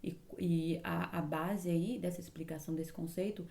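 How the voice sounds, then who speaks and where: Low, mellow-voiced woman teacher. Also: fairly even intonation, normal speed, creaky. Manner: explains patiently, checks in with "né?" and "tá bom?". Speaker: Portuguese teacher. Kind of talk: recorded online grammar lesson.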